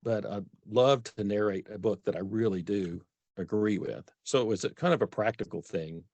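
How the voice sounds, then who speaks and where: In a dry recording, a middle-aged man from Texas talks at a moderate pace in a lowish, slightly mellow voice with a Texan accent. As an author guest in a conversational interview, he comes across as earnest and frequently restarts sentences to correct himself.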